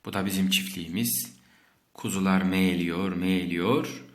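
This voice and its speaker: A man teaching young children subtraction in a playful way, counting numbers slowly aloud. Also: low-pitched, steady tone. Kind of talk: math lesson for young children.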